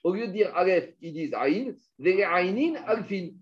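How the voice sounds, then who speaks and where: Higher-voiced man teaching a Talmud class. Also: normal speed. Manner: lively, mixes Hebrew and Aramaic quotes into explanations. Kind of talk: study-class Talmud lesson. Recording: muffled lo-fi recording.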